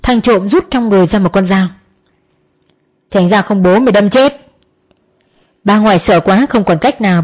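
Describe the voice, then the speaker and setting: A woman's voice: medium pitch, darkish tone. A woman narrating a dramatic story in an emotive, tense storytelling manner.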